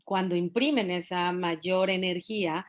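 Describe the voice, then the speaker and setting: A woman's voice: lowish voice, steady tone, measured pace. Mexican woman lecturing with tag questions. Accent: Mexican Spanish. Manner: explanatory, many fillers and tag questions. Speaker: bat researcher giving a talk. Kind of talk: academic lecture on bat acoustics.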